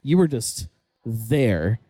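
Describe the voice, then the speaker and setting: A man's voice: mid-range voice, big pitch swings, slow pace, warm tone, slightly rough, dry recording. A man hosting a podcast in a casual, rambling, jokey chat. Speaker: podcast host. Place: table in the corner of a brewery tap room.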